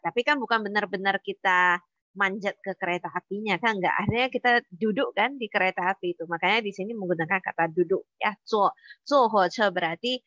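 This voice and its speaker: A woman's voice: medium pitch, a little fast, fairly bright tone, no echo, lo-fi sound. A woman teaching a Mandarin lesson online, explaining words step by step with patient fillers.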